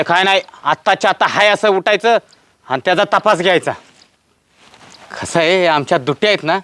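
A man's voice: sits high, fairly bright tone. A grumbling village policeman. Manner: grumbling, rambling monologue. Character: weary rural policeman grumbling about duty. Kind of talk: village comedy sketch acting.

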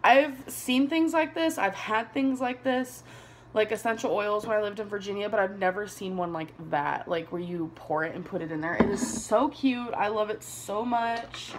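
A woman's voice: mid-range voice, normal speed, noisy background. A woman in her twenties chatting casually to a camera on her desk, rambling and laughing often. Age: 20s. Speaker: vlogger. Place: small bedroom indoors. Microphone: camera on a desk below her.

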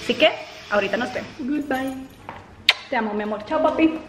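A woman's voice: high voice, fairly quick. A woman chatting casually in a family vlog, telling stories and laughing often. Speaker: family vlogger. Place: at home, then in a car. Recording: noisy home video recording.

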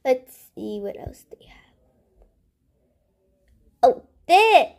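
A channel host with a fairly high voice narrates her gameplay in a casual, sing-song way. She talks very slowly and hesitantly, thinking aloud, and her sentences often fade into soft murmurs.

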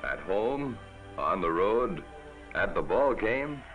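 Man, 1950s TV commercial voice-over: low, lively, folksy salesman read. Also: slow, narrow, tinny audio. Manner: folksy, upbeat pitchman. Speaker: commercial announcer. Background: music.

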